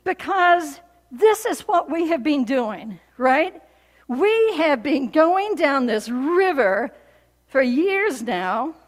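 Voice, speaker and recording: A woman pastor giving a sermon, telling a story in an animated, conversational way with frequent fillers. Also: high voice, takes it slowly. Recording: long reverb of a large hall.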